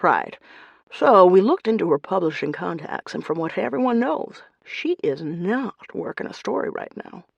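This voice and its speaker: Calm steady guy, slow and reasoning, low voice, read by a woman. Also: creaky, husky, no room sound, highs cut off, heavily acted.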